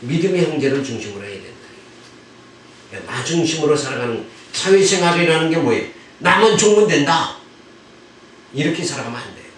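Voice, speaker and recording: A man's voice: medium pitch, expressive, fast, slight background noise. A middle-aged man, a pastor, lecturing on the Bible in a conversational way and often posing rhetorical questions to the class. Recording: echoey room, far from the mic.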